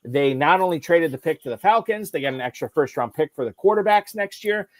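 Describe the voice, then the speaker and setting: A man's voice: a little high, expressive, no room sound. A man hosting a fantasy football podcast, steering the conversation with questions. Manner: brisk, steers the discussion with questions. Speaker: podcast host.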